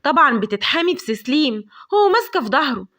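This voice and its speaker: A woman doing a shrill, fiery young Egyptian woman. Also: fast, natural voice. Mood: indignant. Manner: shrill indignant outbursts. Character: fiery proud young woman, quick to anger.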